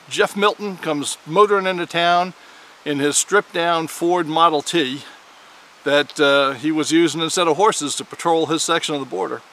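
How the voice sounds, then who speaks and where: A man with a bright, somewhat high voice recounts history in a folksy, animated storytelling style. He talks like a video host walking viewers through a tale, over a faint hum of noise behind him. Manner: animated storyteller, with dramatic shouted quotes.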